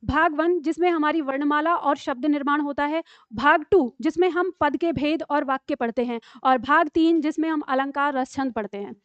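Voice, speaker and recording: A high-voiced woman teaching a class, patiently walking students through spelling tricks and quizzing them. The sound is dry and close, with a dull, lo-fi edge. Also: normal speed, no room sound. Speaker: Hindi teacher. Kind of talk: live classroom lecture.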